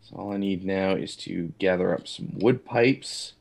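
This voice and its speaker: A low-pitched man talks casually as he plays a game with a friend. His delivery is dry and matter-of-fact. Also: a little slow, creaky, a little mellow. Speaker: co-host of a gaming video series. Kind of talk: casual chat while gaming.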